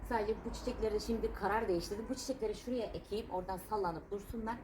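Casual vlogger, woman from Turkey, thirties, indignant banter in a noisy outdoor garden recording, mid pitch. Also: racing. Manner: sharp-tongued and indignant, then chatty. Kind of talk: casual vlog chat while gardening.

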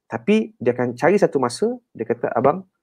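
A counselor guest on a radio talk show, this Malaysian-accented man has a medium-pitched, slightly rough voice and a brisk delivery. Speaking from the radio studio, he explains like an animated teacher and keeps dropping in "ha" and "kan" tags.

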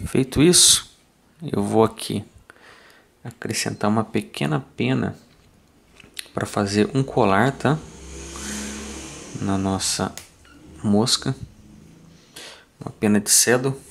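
Gravelly Brazilian man teaching calmly. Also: lowish voice, slow pace, pauses often. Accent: Brazilian Portuguese. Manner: calm, methodical, counts turns aloud. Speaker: fly tying instructor. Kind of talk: step-by-step tutorial narration.

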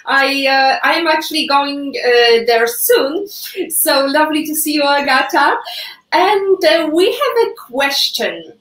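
Polish lady hosting a live stream, high voice, roomy echo and a bit far from the mic. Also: lively intonation, unhurried, a bit bright. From Poland. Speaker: host.

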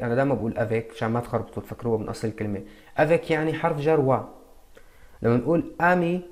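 A man's voice: medium pitch, darkish tone. Syrian-accented male tutor, patient, asks the viewers questions, drags out each French word. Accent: Syrian Arabic. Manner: spells out French words slowly. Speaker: French teacher. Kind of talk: beginner language lesson.

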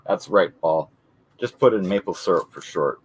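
A man's voice: low-pitched, lively intonation, moderate pace, noisy background. A man hosting a live coin auction, joking and reading bids from chat. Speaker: auction host. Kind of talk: casual live auction banter.

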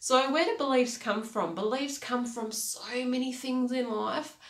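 This life coach, a woman in her thirties, talks with a high, unhurried voice that sounds stuffed up and nasal. Earnest and motivational, she repeats her key phrases and gestures as she speaks from a small indoor home office, where the room echoes.

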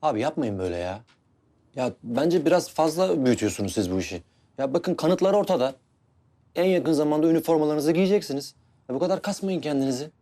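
A man's voice: on the high side, expressive, quick pace, mellow. A young man playing an upbeat, reassuring young soldier in a TV series, eager and chatty, with faint music behind. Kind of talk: TV series acting.

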